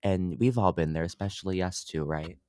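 Low-voiced young man hosting a chatty podcast. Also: brisk, warm tone, dry recording, studio quality. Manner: loose and chatty, lots of fillers. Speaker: podcast host. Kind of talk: casual music review chat.

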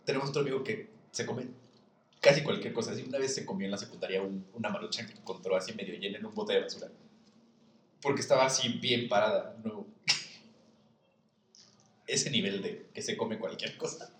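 A man's voice: fairly low pitch, fairly quick, long pauses, fairly bright tone, far from the mic, a little hiss or hum. A young man with a Mexican accent telling funny anecdotes in a casual chat, laughing often and mimicking people in his stories. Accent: Mexican Spanish. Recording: echoey room, voice a bit off-mic.

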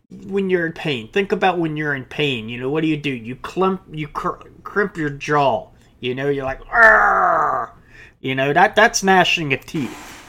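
A male pastor preaching a sermon, reading scripture aloud and explaining it with casual asides. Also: on the high side.

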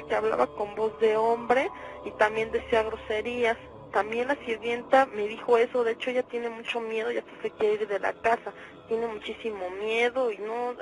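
A woman's voice: fairly high pitch, rough recording. A young woman calls in to a radio show. She sounds frightened and pleads for help. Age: young adult. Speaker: caller. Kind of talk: radio call-in.

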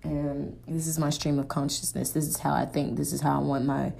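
Speaking fairly quickly in a flat, deep voice that's gravelly and slightly mellow, this young woman runs a solo podcast. She rambles casually, thinking out loud, frequently searching for words and leaning heavily on fillers.

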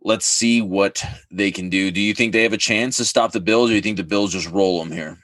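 Casting: very low-voiced male sports co-host, relaxed and halting, dry close sound. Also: dry recording. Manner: easygoing, halting, with frequent fillers. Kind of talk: casual sports chat.

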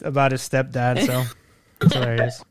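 A man's voice: medium pitch, flat delivery, moderate pace, no echo, clean studio sound. Young male podcast co-host, loose and profane, laughs through his lines. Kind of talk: casual chat about a movie.

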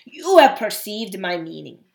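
Formal, haughty captain, calculating and cold, slow delivery, read by a woman. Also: medium pitch, big pitch swings, creaky, darkish tone. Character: cold scheming foreign army captain, man.

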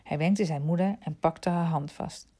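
A woman narrating a storybook aloud in a calm, soft-spoken way. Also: low-pitched, normal speed.

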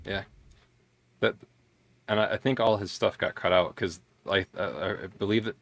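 A man's voice: on the low side, fairly even intonation, moderate pace, fairly bright tone. A man hosting a podcast, chatting casually and drifting into hesitant tangents. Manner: rambling, tangent-prone, hesitant. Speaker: podcast host. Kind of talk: casual podcast recap chat.

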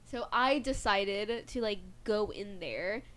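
A woman's voice: medium pitch, slow pace, fairly bright tone. A young woman, a guest, telling a personal story in casual chat, rambling with many fillers.

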